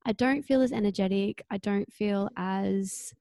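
A young woman, co-hosting a podcast and speaking in a warm, reflective way. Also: mid-range voice, unhurried, no echo, studio quality. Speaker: podcast co-host. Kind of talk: casual chat.

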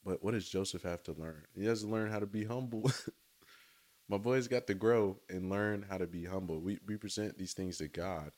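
A man with a notably low, deep voice gives an eager, easygoing faith talk. He speaks outdoors in a chatty tone and keeps checking in with his listeners. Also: normal speed, a little mellow. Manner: enthusiastic, conversational, often says "right?" and "y'all". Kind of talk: casual devotional talk.

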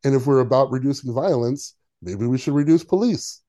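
A man's voice: medium pitch, brisk, mellow. A man co-hosting a podcast, chatting casually in a sarcastic, opinionated way with many fillers. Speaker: podcast co-host. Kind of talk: casual chat.

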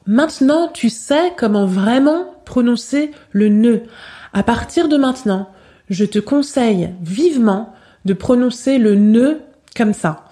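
A woman teaching spoken in a podcast lesson, saying each example slowly and carefully and repeating it for learners. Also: a little high, warm tone. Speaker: French teacher.

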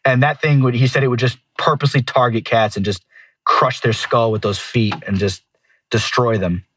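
A man's voice: medium pitch, fairly even intonation, moderate pace, fairly bright tone, a little hiss or hum. A man chatting casually and telling stories in a slangy way, full of dude and bro. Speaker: guest falconer telling stories. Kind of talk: casual chat, animated storytelling.

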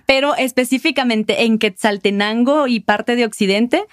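A woman's voice: a little high, moderate pace, no room sound, studio quality. Guatemalan woman patiently explaining. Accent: Guatemalan Spanish. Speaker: guest. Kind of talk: casual conversation about regional words.

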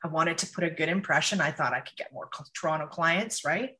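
A woman who works as a psychic medium, telling a story to her podcast co-hosts in a lively, casual way, laughing now and then. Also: deep voice, brisk, rough recording. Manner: animated, laughs while telling stories.

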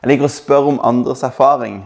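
A male pastor in his thirties delivers a sermon with a gravelly, creaky edge to his voice. He speaks calmly and reflectively, leaning on key words and easing off at the ends of thoughts. His voice sits in a middle pitch.

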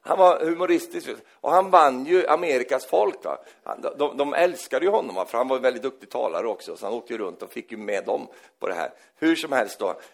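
A man preaching a sermon in an animated storytelling manner, often acting out the people he quotes. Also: medium pitch, gravelly, few pauses.

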